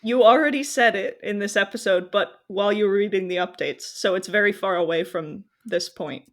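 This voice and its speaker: A woman guest on a podcast, quick and upbeat in casual chat. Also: medium pitch.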